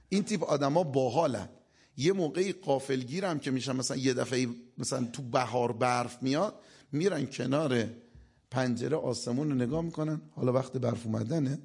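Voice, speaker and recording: A man's voice: a little high, vocal fry, darkish tone, slightly rough. A man giving a humorous religious lecture on stage before a live audience. He tells jokes and stories and acts out the people he quotes. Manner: joking storyteller who acts out quoted people.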